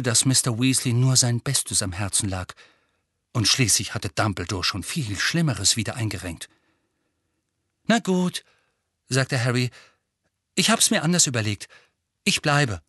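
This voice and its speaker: A male audiobook narrator with an expressive storytelling manner, his pitch moving widely through each sentence. His voice is bright and a little breathy. Recorded close and dry in a studio. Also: no room sound. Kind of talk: scripted narration.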